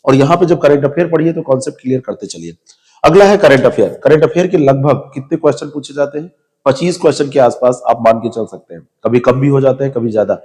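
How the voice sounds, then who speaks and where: A man's voice: mid-range voice, quick pace, darkish tone. Man, exam prep teacher, informal advice talk, direct, reverberant room. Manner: direct, advising, addresses viewers as you.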